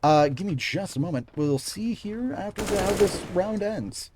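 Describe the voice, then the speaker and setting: Young guy casting a game match, kinda high voice, quick play by play. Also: animated, darkish tone, a little hiss or hum. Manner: brisk play-by-play, breaks off to chat. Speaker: game commentator and streamer. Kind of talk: live game commentary.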